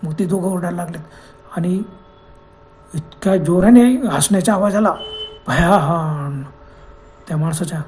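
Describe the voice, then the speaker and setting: A woman's voice: on the low side, a little slow, pauses often, a little mellow, slight background noise. A woman storyteller narrating a horror story in a dramatic, suspense-building way.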